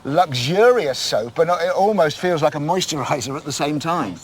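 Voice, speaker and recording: A man's voice: a little high, lively intonation, moderate pace. A man presenting a documentary on location, asking curious, enthusiastic questions.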